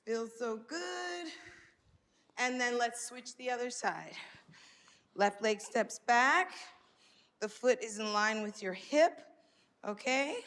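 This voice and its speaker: A woman fitness instructor talks while she exercises, leading a stretching workout with timed breathing cues and encouragement. Her voice is fairly high and a bit bright, slow with long pauses, and a long hall-like reverb surrounds it.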